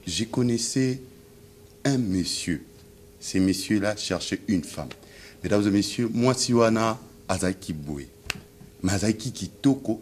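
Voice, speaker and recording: A man with a Congolese French accent performs a comic story in a lively, swooping voice that leaps in pitch from line to line. His register sits fairly low, and he keeps addressing the audience in a theatrical showman's manner. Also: a little hiss or hum. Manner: theatrical, keeps repeating "mesdames et messieurs". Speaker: comedian, cultural host.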